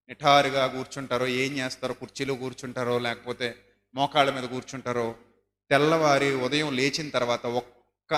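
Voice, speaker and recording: A man preaching a sermon, animated and voicing quoted prayers and thoughts. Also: a little high, roomy sound, long reverb tail. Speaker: pastor.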